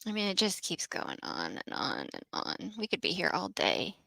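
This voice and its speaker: A woman co-hosting a casual true crime talk, chatty and quick to agree. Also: fairly low pitch, huge pitch swings, creaky, pushed and bright, no echo. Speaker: podcast co-host. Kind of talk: casual chat.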